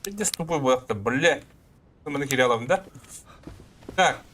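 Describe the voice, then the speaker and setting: A man's voice: mid-range voice, animated, moderate pace, fairly bright tone, slight background noise. A man doing casual horror let's-play commentary, nervous and jumpy, muttering and swearing to himself as he reacts to the game.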